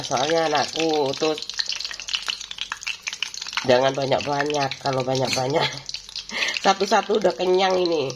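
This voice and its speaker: A woman's voice: deep voice, background noise. A woman with a lilt talks as she cooks at home for her own vlog. She wanders from one memory to the next and breaks into easy laughs along the way. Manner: rambling and reminiscing, laughs often. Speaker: vlogger. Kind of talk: casual chatty vlog while cooking.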